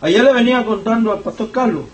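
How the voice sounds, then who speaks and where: Preaching quickly in a church sanctuary, a Cuban-accented pastor uses a high, emphatic voice that climbs in pitch and volume whenever he drives a point home. Because he sits well back from the microphone, he sounds distant, and the hall's echo rings around his sermon.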